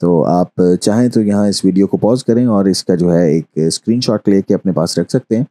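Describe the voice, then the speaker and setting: A man teaching a course on Quran recitation, explaining patiently and reciting verses slowly. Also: low-pitched, warm tone. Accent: Urdu-speaking Pakistani. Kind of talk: online lesson.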